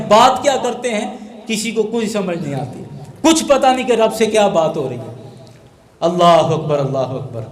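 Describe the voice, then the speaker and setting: Male Islamic preacher, high voice, rhetorical questioning style, echoey hall recording. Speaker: Islamic scholar. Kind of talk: sermon.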